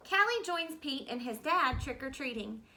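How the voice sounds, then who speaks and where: A woman teacher reading a picture book aloud to children, gently pointing out the pictures and explaining. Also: high-pitched, lively intonation, moderate pace, a little hiss or hum.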